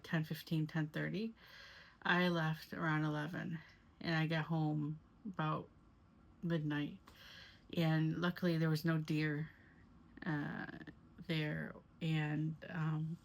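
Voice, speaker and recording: Low, creaky-voiced woman vlogging casually. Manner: rambling, conversational. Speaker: amateur paranormal investigator vlogger. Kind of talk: casual first-person recap to camera.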